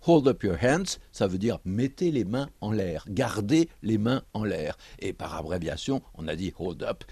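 A man talks through the history of a word like a radio language columnist, his pitch rising and falling in animated swings. His voice is mellow and slightly husky, set low, and the studio sound is dry and close. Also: moderate pace, dry recording. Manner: lively explanatory, conversational asides.

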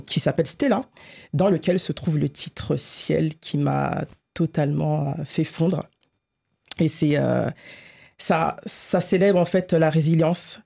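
A woman co-hosting a casual chat podcast, presenting her pick in a measured way. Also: sits low, gravelly, dark tone. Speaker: podcast co-host.

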